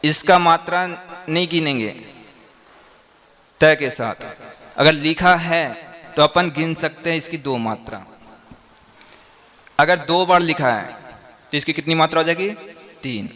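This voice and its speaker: A monk leads a class in a slow, measured voice, stopping again and again to quiz his listeners. His tone is bright and a little high for a man. He explains each step with patience. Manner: quizzes the class with repeated questions. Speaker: Jain monk teaching verse meter. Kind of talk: classroom teaching.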